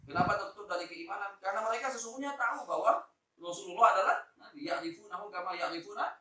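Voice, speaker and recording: Male teacher from Lombok teaching Quran exegesis; animated, loud peaks and quiet asides; slightly high voice; distant phone recording. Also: noisy background. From Lombok, Indonesia. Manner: animated, swings between loud emphasis and soft asides; draws out Arabic words slowly. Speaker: Islamic teacher. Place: school hall, indoors. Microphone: phone camera recording. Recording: echoey room, distant phone mic.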